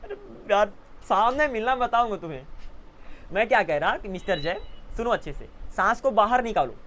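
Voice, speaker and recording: A male English teacher giving a classroom lesson to live students, teasing them playfully and repeating words slowly as drills. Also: high-pitched, lively intonation, fairly bright tone, slight background noise.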